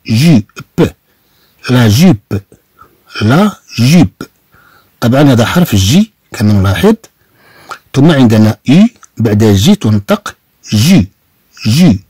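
A man with a Moroccan Arabic accent gives a beginner's French lesson, sounding out words syllable by syllable. His voice is husky and mellow, with a lively pitch that climbs and falls. The sound is dry and close. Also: no room sound. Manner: slow, deliberate, repeats and spells out each word. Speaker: French teacher. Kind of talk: online language lesson.

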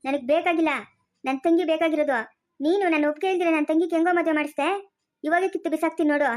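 A performer playing a stern elder brother in a village family drama, shouting curses and threats. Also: very high-pitched, fairly even intonation, quick pace. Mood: enraged.

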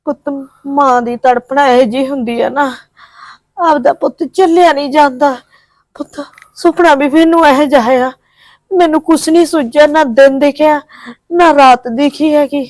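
A woman's voice: sits high, darkish tone, no room sound. A woman playing an older mother who speaks tenderly and sorrowfully to her son. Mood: anxious. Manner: pleading, tearful, soothing. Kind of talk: village drama acting.

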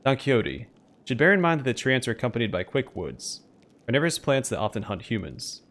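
A man's voice: mid-range voice, very animated, a little fast, fairly bright tone. A man voicing a wary, stern adviser who gives cautionary, formal counsel in game dialogue read aloud.

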